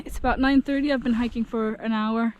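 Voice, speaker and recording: A woman's voice: a little high, fairly even intonation, a little fast, muffled recording, over loud music. A woman vlogging casually outdoors on a hike, raising her voice over the wind that buffets her microphone. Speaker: hiking vlogger. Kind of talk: casual outdoor vlog chat to camera. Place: outdoors on a windy hiking trail. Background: strong wind noise.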